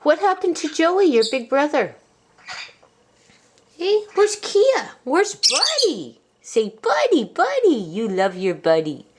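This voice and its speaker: Slow-paced woman cooing baby talk to birds. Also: high-pitched, huge pitch swings. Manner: sing-song cooing with repeated short phrases. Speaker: pet bird owner. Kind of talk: affectionate baby talk to a pet bird. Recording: very noisy home recording with bird chirps.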